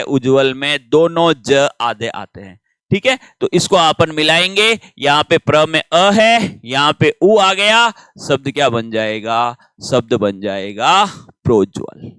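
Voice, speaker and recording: A man's voice: a little high, a bit bright, smooth, dry recording. A man teaching grammar in a patient classroom manner, asking questions and answering them himself.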